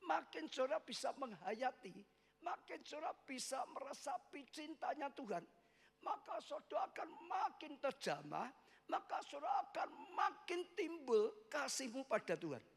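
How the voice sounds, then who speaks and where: A man pastor preaching an impassioned sermon to his congregation, rising often to loud cries. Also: big pitch swings, moderate pace, gravelly. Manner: impassioned, swells to loud high cries, keeps addressing the congregation. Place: church worship service. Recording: long reverb of a church hall.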